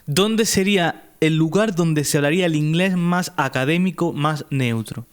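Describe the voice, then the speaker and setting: Podcast host guy from spain, smooth clear voice, rambles and hedges a lot when he explains stuff. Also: on the high side, normal speed. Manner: chatty, explains at length with hedges. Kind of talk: casual interview chat.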